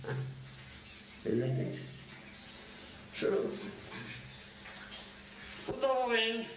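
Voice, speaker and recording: Slow, lively-pitched man giving a sermon. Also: background noise. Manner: keeps asking "Huh? Isn't it?" to check listeners. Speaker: spiritual teacher. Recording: echoey room, mic at a distance.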